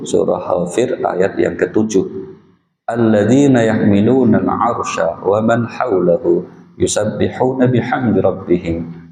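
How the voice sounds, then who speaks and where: A man's voice: sits low, gravelly, noisy background. A man preaching a dawn sermon in a mosque with an Indonesian accent, speaking to the men as "Pak" with folksy humor. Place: mosque hall. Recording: echoey hall with long reverb.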